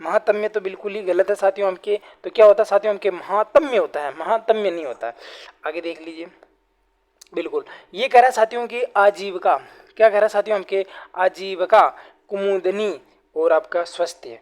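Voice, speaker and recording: A man's voice: high voice, a little fast. A man teaching an exam-prep grammar class online, who keeps asking questions and answering them himself. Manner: repetitive call-and-response questioning.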